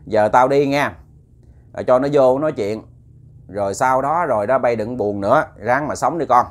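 A man's voice: mid-range voice, moderate pace, close to an everyday voice. A man with a Southern Vietnamese accent voicing the spirit of a stern old woman who speaks through a possessed woman, scolding bluntly in a raised voice.

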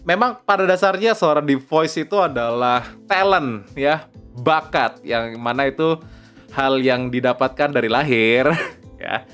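A man's voice: medium pitch, a little slow, a bit bright, soft background music. Chatty young man teaching voice-over. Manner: chatty, fillers like "ya" and "oke", mixes in English phrases. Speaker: voice-over tutor. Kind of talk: casual spoken tutorial. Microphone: close lapel mic.

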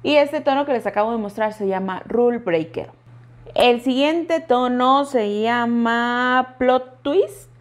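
A woman's voice: fairly high pitch, takes it slowly. A woman giving a casual product review as a vlogger, chatting and talking straight to her viewers. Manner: chatty, keeps addressing viewers directly. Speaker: beauty vlogger.

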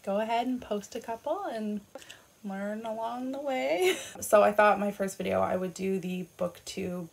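This late-twenties Canadian booktuber has a medium-pitched, creaky voice with a breathy edge and an unhurried pace. Casual and chatty, she leans on fillers like "like" and "um" and often laughs self-deprecatingly.

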